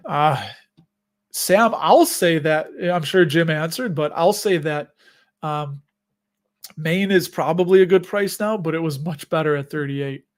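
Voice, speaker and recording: Hosting a relaxed livestream on dividend investing, this middle-aged Chicago-accented man chats and rambles through viewer questions, restarting often and chuckling at his own asides. He speaks in a fairly high voice at an unhurried pace.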